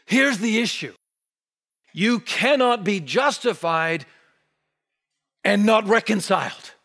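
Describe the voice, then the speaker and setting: A pastor in his forties delivers a sermon from the pulpit in a voice that sits high for a man, taking it slowly. His preaching is animated, with wide gestures and energetic emphasis that drops to near-whispers on key words, and the close mic catches every change in level.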